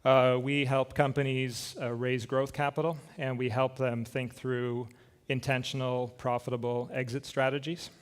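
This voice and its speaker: On a conference stage, a Scottish man gives a keynote talk with slides, speaking into a stage microphone. He comes across as casual and self-deprecating, using plenty of filler words, and his mid-range voice stays level at a normal speed.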